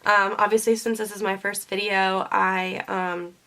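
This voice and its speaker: Seated indoors in front of her camera and picked up by its mic, a young woman vlogs about her beauty favorites in a casual chat full of ums and likes. Her medium-pitched voice is flat, a little slow, pushed and bright, and she's slightly sniffly from a sinus infection.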